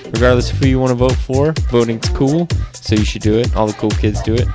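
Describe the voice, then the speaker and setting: A man's voice: mid-range voice, steady tone, brisk, over music. A man from Texas hosting a podcast interview in a casual, joking way. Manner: joking, laid-back. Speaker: podcast host. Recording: slightly dull lo-fi audio.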